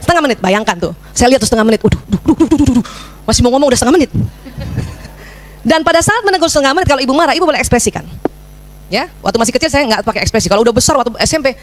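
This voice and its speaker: A middle-aged woman giving a religious parenting lecture, lively and teasing her audience with questions. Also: high voice, racing. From Indonesia.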